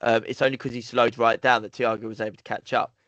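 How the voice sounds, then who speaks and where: A man co-hosting a casual football podcast, making his points in a steady, calm way. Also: medium pitch, quick pace, dry recording. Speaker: podcast co-host. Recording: dull dry podcast mic.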